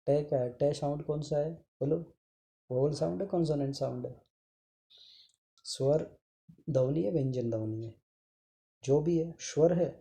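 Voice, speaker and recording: A man teaching an online grammar lesson to children, patiently repeating each sound and gently addressing his pupils. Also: on the high side, vocal fry.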